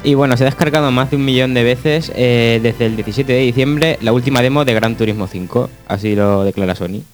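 A man co-hosting a gaming podcast, reading news items in a brisk, casual way. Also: medium pitch, faint music behind. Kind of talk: casual chat.

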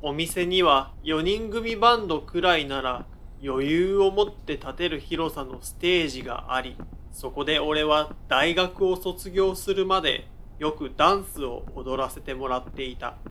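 Playing a young male narrator in an audio drama, a man uses a very bright, forward voice pitched a little high. He recounts his own story in measured, understated literary prose, reflective in mood and deferential toward his elders. There's a little hiss or hum in the recording.

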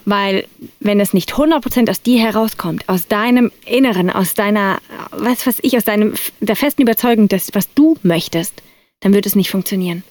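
A woman's voice: medium pitch, normal speed, a little mellow, dry recording. A woman co-hosting a casual podcast, talking earnestly and persuasively, often addressing the listener directly. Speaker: podcast co-host.

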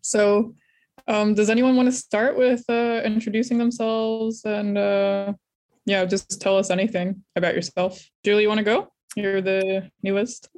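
A woman moderating a casual group podcast discussion, speaking in a relaxed, hesitant way with frequent fillers. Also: medium pitch, unhurried.

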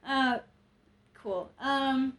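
A woman in her twenties, a guest on a podcast recorded at a friend's home, speaks extremely slowly in a high-pitched, fairly bright voice. The casual chat is nervous, full of giggles and easygoing swearing.

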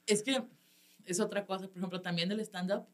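A woman stand-up comedian with a Mexican accent, telling stories in a casual chat, animated and laughing often, with lots of slang. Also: medium pitch, a little fast.

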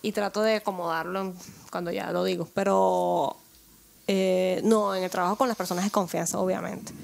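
A woman's voice: lowish voice, steady tone, moderate pace, vocal fry, a little mellow. A woman from Venezuela with a Venezuelan accent, chatting casually on a podcast, blunt and teasing, with casual swearing. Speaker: podcast co-host. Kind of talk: casual chat.

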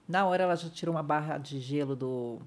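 A middle-aged woman with a Brazilian Portuguese accent, a podcast guest vividly retelling a personal ordeal, acting out what others said and dropping to a hush at the painful moments. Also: sits low, fast. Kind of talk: emotional personal storytelling.

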